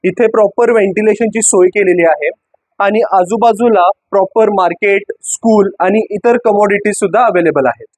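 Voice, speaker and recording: A man's voice: high voice, normal speed, darkish tone, husky, no room sound, poor audio. A man guiding a property walkthrough room by room, as a real estate agent. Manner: guiding, pointing things out room by room.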